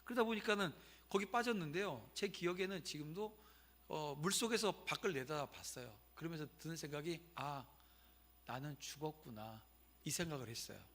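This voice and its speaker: A man's voice: fairly high pitch, expressive, brisk, a bit bright. A man in his fifties, a pastor delivering a Sunday sermon to his congregation, telling a story in a conversational way and turning to speak to the listeners. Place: church sanctuary.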